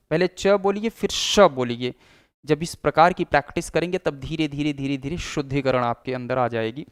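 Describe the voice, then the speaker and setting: A man's voice: on the high side, clean tone, no room sound, clean studio sound. A man teaching a lesson, explaining step by step and saying the sounds aloud to demonstrate. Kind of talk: classroom lecture.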